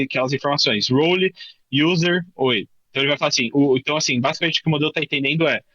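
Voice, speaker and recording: Bright-voiced Brazilian man teaching a workshop. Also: mid-range voice, no echo, lo-fi sound. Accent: Brazilian Portuguese. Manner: informal, many restarts, thinking aloud while demoing; says he tends to talk fast. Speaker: workshop instructor. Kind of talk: live coding workshop explanation.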